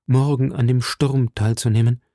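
A man's voice: mid-range voice, fairly even intonation, moderate pace, dark tone, no room sound, clean studio sound, close to an everyday voice. A man voicing a proud noble musketeer in an audiobook, speaking formally and with dignity. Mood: dignified. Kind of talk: audiobook reading.

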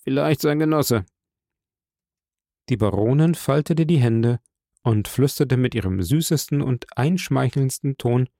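Male narrator, gravelly voice, dry close sound, measured dramatic reading. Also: mid-range voice, lively intonation, mellow, no echo. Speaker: audiobook narrator. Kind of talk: scripted narration.

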